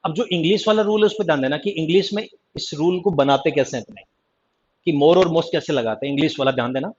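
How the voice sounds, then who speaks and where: Teasing grammar teacher, lo-fi. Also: male voice, a little high, fast, darkish tone, a little hiss or hum. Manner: teasing, chatty, keeps repeating "ध्यान देना" and "ठीक है जी". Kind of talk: live online class, Hindi explanation. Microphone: online class stream mic. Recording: dull lo-fi stream audio.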